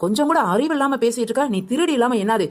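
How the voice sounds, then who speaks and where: A woman voicing a quick-tempered young female shopper in a comedic cartoon, firing back indignant retorts. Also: a little high, expressive, lightly acted. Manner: indignant, rapid-fire retorts.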